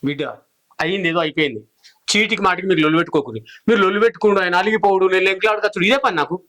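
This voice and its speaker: A man's voice: sits high, racing, pushed and bright. An older man, playing a weary village father who scolds and pleads with his stubborn daughter.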